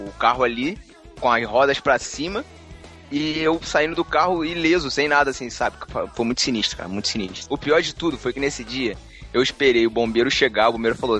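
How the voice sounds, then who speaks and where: A man chatting on a podcast, rattling off a personal story at a quick clip with faint music underneath. He stays animated, laughs often and repeats words as he goes. His voice sits at an ordinary middle pitch. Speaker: podcast co-host. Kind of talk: casual storytelling chat.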